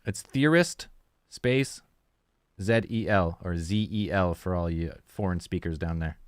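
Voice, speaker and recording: A man's voice: low-pitched, unhurried, clear, resonant tone, dry recording, clean studio sound. A man hosting a call-in podcast, chatting loosely and swearing casually. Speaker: podcast host. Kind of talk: casual chat.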